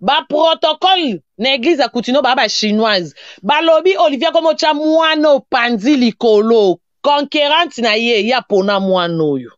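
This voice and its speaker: A woman's voice: high-pitched, lively intonation, moderate pace, few pauses, dry recording. Scolding woman commentator, dull sound. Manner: scolding, lecturing. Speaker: online gossip commentator. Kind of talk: casual commentary. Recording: dull muffled recording.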